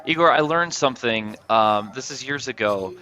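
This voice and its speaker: A man hosting a business interview show, talking in a hyped, fast way and often repeating words. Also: medium pitch, bright, forceful tone, lo-fi sound, slight background noise. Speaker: podcast host. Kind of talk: energetic interview intro and chat.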